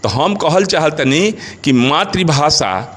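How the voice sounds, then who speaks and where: A middle-aged man with a Bhojpuri accent speaking passionately in an interview, asking rhetorical questions and rising in pitch on his points. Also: lively intonation, slow, a bit bright. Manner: emphatic, rhetorical questions, rises in pitch when stressing points.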